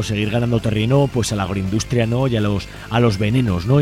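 A Spanish-accented man from Spain hosts an informal radio report in a mellow, medium-pitched voice. He often ends his phrases with a little questioning tag.

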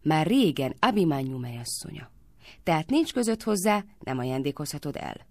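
A bossy young girl with a sharp tongue scolds her friends in a read-aloud tale, played by a woman reader. The tone is low and gravelly, recorded dry and close. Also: big pitch swings, dry recording, full character voice. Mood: scolding. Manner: scolding, brisk.

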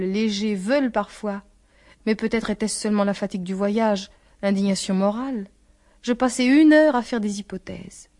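Woman audiobook narrator, mid-pitched, measured literary reading. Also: mellow.

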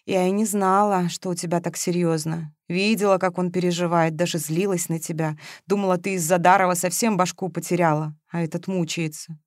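Женщина читает за спокойную рассудительную подругу. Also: female voice, steady tone, brisk, hardly any pauses, no room sound, studio quality, close to an everyday voice. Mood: subdued. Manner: low, subdued, confiding. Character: calm, sensible woman friend, sighing.

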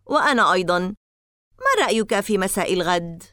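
A woman's voice: medium pitch, big pitch swings, fairly quick, a bit bright, no room sound, studio quality. A woman voicing a sarcastic camper boy. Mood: tired. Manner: sarcastic, dismissive.

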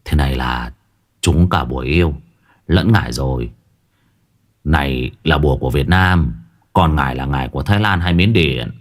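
A man voicing a grave male village sorcerer with a solemn, measured delivery. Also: very deep voice, voice pushed down.

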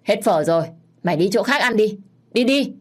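A woman reading a story, voicing a spiteful elderly female noodle-seller who scolds in a shrill, scornful manner. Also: expressive, normal speed, breathy edge. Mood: dismissive.

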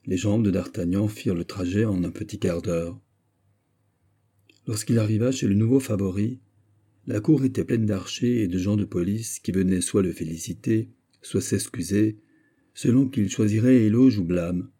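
A man reads a classic novel aloud in a measured, even way. His voice is low and very dark. It has a husky grain and a mellow warmth. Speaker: audiobook narrator. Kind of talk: literary audiobook narration.

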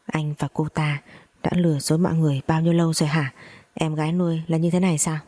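A stern younger brother , as a woman narrator reads him, speaking with cold reproach. The voice is low, dark and husky, recorded dry and close. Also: flat delivery, fast talker, no echo. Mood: reproachful.

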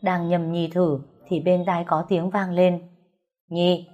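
A woman telling a ghost story in the first person, in a steady, plain storytelling manner. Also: fairly low pitch, measured pace, highs cut off. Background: faint music.

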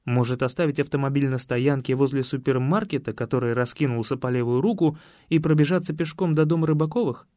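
Мужчина читает детективную аудиокнигу от первого лица, размеренно и сухо. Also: male voice, medium pitch, fairly even intonation, fast talker, hardly any pauses, dark tone, no room sound, clean studio sound. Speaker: audiobook narrator. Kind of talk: scripted first-person narration.

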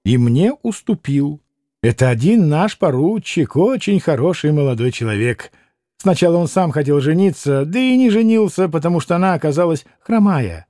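A man's voice: fairly high pitch, animated, moderate pace, mellow, no room sound, studio quality, close to an everyday voice. A man voicing a fawning old landowner. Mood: ingratiating. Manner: ingratiating, adds deferential "-s" to words. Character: fawning old petty landowner, chatty fibber.

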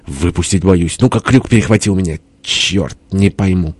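A man voicing a gruff, hot-tempered old father-in-law who shouts hoarsely. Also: low voice, moderate pace, dry recording. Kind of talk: audiobook character voice.

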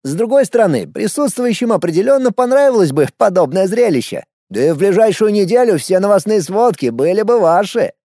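A man's voice: sits high, big pitch swings, brisk, few pauses, warm tone, dry recording, clean studio sound, voice pushed up, full character voice. A man doing a cocky, drawling young musician. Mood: cocky, sardonic. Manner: drawling, mocking.

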